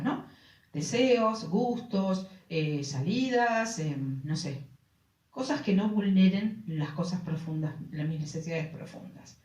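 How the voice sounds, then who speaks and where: A woman's voice: lowish voice, darkish tone. A woman with a Rioplatense Spanish accent gives a talk on relationships to a live audience, often checking in with rhetorical questions to the listeners. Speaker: speaker on relationships. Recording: roomy sound from a distant mic.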